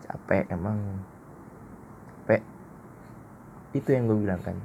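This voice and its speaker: Man, dark mellow tone, casual podcast monologue, blunt and joking. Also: on the low side, unhurried, gravelly, a little hiss or hum. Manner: blunt, slangy, self-mocking. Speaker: podcast host.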